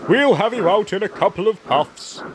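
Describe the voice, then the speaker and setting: A man's voice: high-pitched, lively intonation, normal speed, noisy background, pitched above the performer's own voice. A man voicing a big, proud male express engine in a storybook, speaking grandly with a chortle. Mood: chortling.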